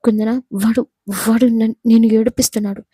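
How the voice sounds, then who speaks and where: A woman's voice: fairly high pitch, steady tone, brisk, mellow, breathy edge, no room sound, studio quality. A woman voicing an arrogant young male college rowdy who is possessive and furious, snarling through gritted teeth in a Telugu audio story.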